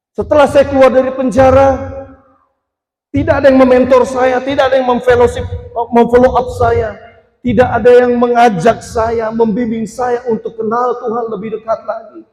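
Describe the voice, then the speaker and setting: In a church, a man in his forties with a very high-pitched, darkish voice delivers a personal testimony as a sermon. He addresses the congregation directly and builds to emphatic passages, recorded in an echoey hall with long reverb.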